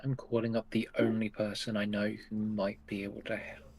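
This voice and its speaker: A man playing a tabletop role-playing game, improvising dialogue in a halting, hesitant way. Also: fairly low pitch, completely flat delivery, darkish tone.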